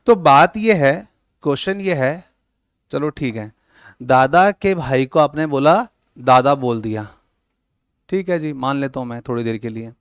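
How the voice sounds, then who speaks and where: A man's voice: mid-range voice, expressive, a little slow, pauses often, clean tone, no echo, studio quality. A man teaching a coaching class, teasing his students and acting out little scenes as he explains. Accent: Hindi-English mixing, Rajasthan. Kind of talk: classroom lecture.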